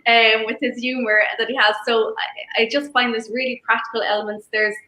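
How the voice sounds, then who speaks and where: Female yoga instructor, informal interview guest, bright tone, echoey recording. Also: fairly high pitch, level tone, brisk. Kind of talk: reflective conversational interview. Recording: roomy, echoey sound.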